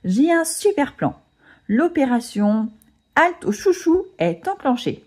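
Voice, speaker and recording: A woman voicing an eager schoolboy ringleader who rallies his friends excitedly. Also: high-pitched, takes it slowly, voice pushed up, heavily acted. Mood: rallying. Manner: excited, rallying.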